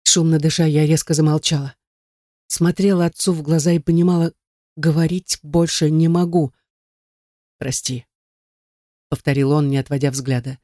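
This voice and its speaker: A man reading a first-person novel aloud at a measured, even pace. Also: on the high side, no room sound, studio quality. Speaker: audiobook narrator. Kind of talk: scripted first-person narration.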